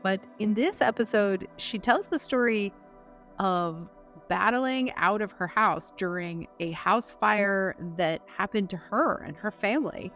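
Woman, podcast host, scripted intro, low-ish voice, soft music underneath.

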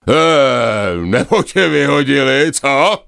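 Man doing a gravelly roaring square-headed beast, blustery, swings up and down a lot. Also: mid-range voice, very animated, fairly bright tone, dry recording, clean studio sound, pitched above the performer's own voice, heavily acted. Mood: gruff. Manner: bellowing, blustering. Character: gruff battered square-headed creature, roaring.

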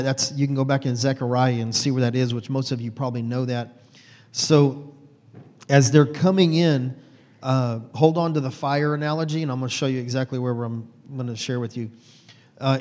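A lay preacher in his forties with a mid-range, slightly mellow voice gives an informal sermon to a small group. He rambles, uses many fillers, and keeps stopping to correct himself, all with a long hall reverb on the recording.

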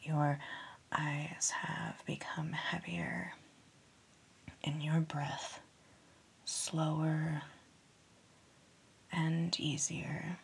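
A woman speaks entirely in a soft, breathy whisper, drawn out at an extremely slow, lulling pace. Her voice sits low, and a faint rumble hums underneath. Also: level tone. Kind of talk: whispered sleep story.

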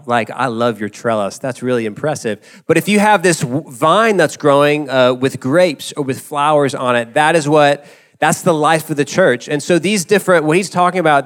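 A man with a voice a little higher than most addresses a church as one of its leaders. His delivery is conversational and encouraging, like an informal talk from the front. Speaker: church leader hosting the service.

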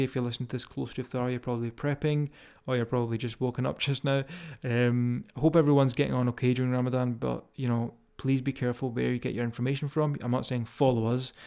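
A man's voice: medium pitch, fairly even intonation, quick pace, vocal fry, hardly any pauses, darkish tone, smooth. A man with a strong Scottish accent, talking informally and directly to listeners as a fitness coach hosting a podcast. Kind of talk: casual motivational podcast talk.

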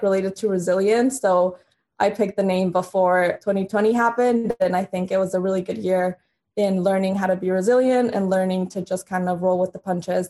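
A woman's voice: mid-range voice, darkish tone. A woman in her thirties, originally from Honduras, talking casually as a podcast guest and laughing often. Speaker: guest lawyer.

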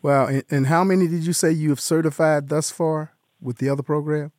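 A man's voice: on the high side, steady tone, a little fast, a little mellow, no echo. A man hosting a radio interview show from a studio, friendly and encouraging, filling in with short affirmations.

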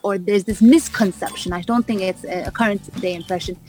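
A woman's voice: medium pitch, steady tone, a little fast, warm tone, faint music behind. Enthusiastic woman author on radio. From raised in Vancouver, Canada. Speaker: cookbook author, interview guest. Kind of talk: radio interview answers.

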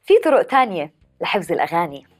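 A woman's voice: lowish voice, very animated, racing, a little mellow. A woman with a Levantine Arabic accent narrating a scripted podcast in a playful folk-tale storytelling manner, with rhyming phrases. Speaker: podcast host. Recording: music playing behind the voice. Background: music.

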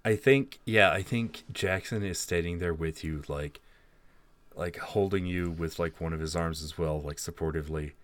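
A man narrating as game master in a tabletop role-play podcast, calm and supportive, with many fillers. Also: sits low, moderate pace, no room sound.

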